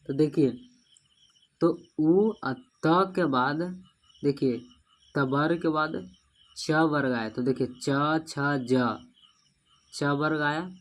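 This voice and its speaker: A man's voice: on the high side, takes it slowly, pauses often. A man teaching a grammar lesson, repeating each rule and spelling words out syllable by syllable, often checking in with "okay?". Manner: repeats rules, asks "ठीक है ना" often.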